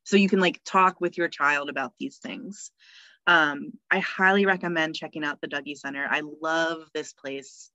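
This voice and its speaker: A woman's voice: deep voice, moderate pace, pushed and bright, dry recording. A woman, a death midwife talking in a casual podcast conversation, cheerful and full of fillers. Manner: chatty, cheerful, laughs often, many fillers.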